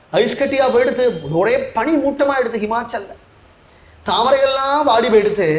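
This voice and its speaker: Man, devotional discourse, chanted verses, rhetorical questions, high voice, echoey room. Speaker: religious discourse speaker.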